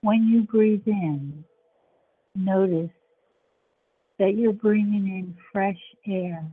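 A woman leading a guided relaxation meditation in a soothing, measured way, with long pauses between short phrases. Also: medium pitch, breathy edge. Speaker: show host and guided imagery facilitator. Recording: dull lo-fi sound with faint background noise.

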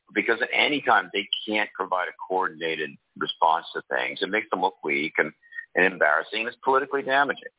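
An older man with a deep, rich bass voice thickened by a cold, talking haltingly and deliberately as an interview guest. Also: no echo, narrow, tinny audio. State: congested with a cold. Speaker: guest, political activist and disclosure advocate. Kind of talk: interview talk.

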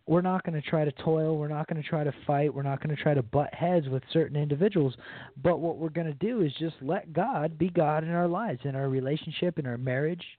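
A man's voice: fairly high pitch, fairly quick, dry recording. A man preaching an informal radio sermon in an earnest way, repeating his phrases and calling listeners brothers and sisters, heard over a phone line. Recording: dry, tinny phone-line sound.

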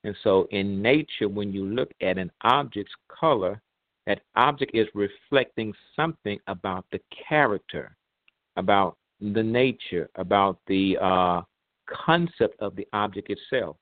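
A man hosting an online radio talk show, heard over a phone line, speaking in a measured way with pauses and fillers. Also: fairly low pitch, dry recording. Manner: measured, pausing, with many fillers. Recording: tinny, dry phone line.

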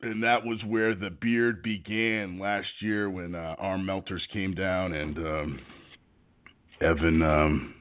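Male sports talk host: gravelly and hoarse, deep, informal, on narrow-band internet radio. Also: steady tone, takes it slowly. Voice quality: rough, gravelly voice from sore throat. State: hoarse, getting over strep throat. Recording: muffled, band-limited internet radio audio.

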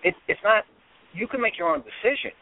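A man's voice: high voice, brisk. A man co-hosting a casual radio chat, talking in a chatty, storytelling way with plenty of fillers. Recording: phone-like call-in audio.

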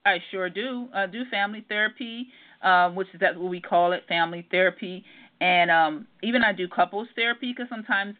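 A woman's voice: mid-range voice, fairly quick. A middle-aged woman, a family therapist, calling in to a radio show over the phone. She talks earnestly, with many ums and repeated words. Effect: heard over a phone line. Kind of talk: casual radio call-in interview. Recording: narrow tinny phone line.

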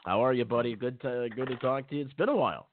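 A man's voice: mid-range voice, fast, slight background noise. A man hosting a live sports talk show about horse racing, interviewing guests in a casual, chatty style. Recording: narrow phone-like sound.

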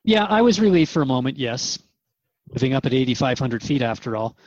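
This medium-pitched male voice has a sing-song lilt, moves a little fast, and sounds a little mellow. He plays an interviewer in a conversational radio drama series, posing and answering questions hesitantly and thoughtfully. There's no echo; the sound is dry and somewhat dull.

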